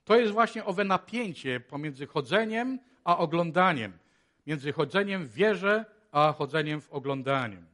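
A man preaching a sermon in a chapel, moving between hushed and loud passages and asking many rhetorical questions. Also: a little high, animated, normal speed.

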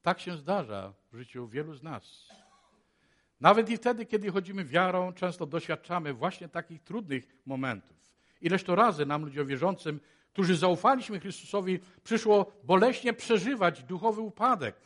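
A male preacher delivers a sermon with a somewhat high voice. He shifts from quiet, low passages to loud, emphatic ones and leans on rhetorical questions to stir his listeners. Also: lively intonation, moderate pace. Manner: dramatic swings between hushed and loud, rhetorical questions. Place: chapel.

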